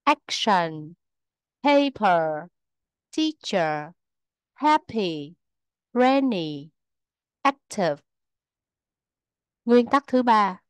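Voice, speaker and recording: A woman's voice: mid-range voice, no room sound. A woman with a Vietnamese accent reading out a pronunciation lesson, stating rules and then saying example words one by one. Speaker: English teacher.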